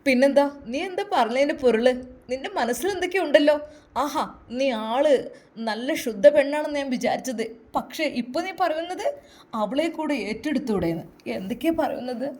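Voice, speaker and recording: A woman with a Malabar Malayalam accent voicing an angry, hurt young husband who scolds his wife with rapid, harsh questions. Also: high-pitched, lively intonation, darkish tone.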